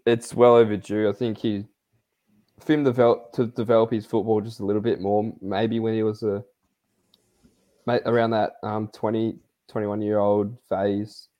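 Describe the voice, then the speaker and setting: A man's voice: fairly low pitch, warm tone. A man co-hosting a casual sports podcast, explaining things in a hesitant way that trails off. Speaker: podcast co-host.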